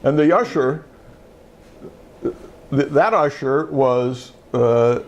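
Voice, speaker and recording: A man's voice: medium pitch, slow, highs cut off. An older man, a retired judge and show host, telling a rambling story in casual chat with many fillers and restarts.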